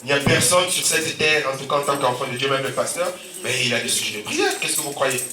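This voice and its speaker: This pastor preaches quickly in a sing-song, medium-pitched voice, his Central African French accent heard through a sore throat and cold as he often calls out amen and alleluia. The recording comes from a distance in an echoey church hall, with crowd noise around him.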